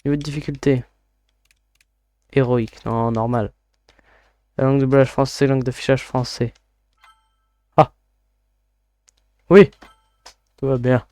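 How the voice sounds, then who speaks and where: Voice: medium pitch, fairly even intonation, a little slow, pauses often, dark tone, dry recording. A video game streamer chatting casually to viewers while setting up a game, muttering to themself and swearing now and then. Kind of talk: casual live-stream commentary.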